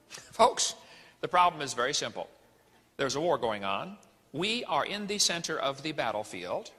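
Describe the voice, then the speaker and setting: A man's voice: fairly high pitch, big pitch swings, a little slow, long pauses, sharp tone, husky, in a large hall. A middle-aged man giving a lecture-style sermon, preachy and folksy, firing off rhetorical questions. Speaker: creationist ministry speaker.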